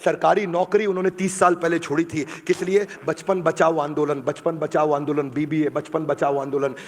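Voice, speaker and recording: Emphatic high-voiced male speaker. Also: little pitch movement, normal speed, long reverb tail. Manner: emphatic, repetitive, leads audience chants. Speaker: motivational speaker. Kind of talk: motivational seminar speech. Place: large hall with live audience.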